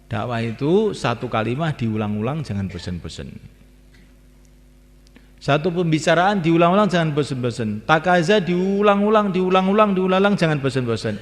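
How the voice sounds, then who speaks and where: A man preaching a sermon in a repetitive, emphatic way, swinging between soft and loud. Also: fairly high pitch, expressive, normal speed. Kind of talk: sermon to a gathering. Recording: echoey hall with long reverb.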